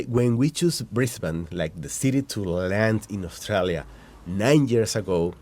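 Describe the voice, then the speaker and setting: A man's voice: on the low side, dark tone. A man who speaks Spanish as his first language, with a Latin American accent, hosting a casual interview inside a shop and often restarting as he searches for words. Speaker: host.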